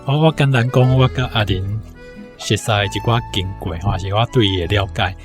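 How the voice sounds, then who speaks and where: Background music plays while a Taiwanese-accented professor in his sixties, appearing as an interview guest, shares personal recollections in a relaxed way, often adding small tag particles to his phrases. His voice is lowish and his pace fairly quick.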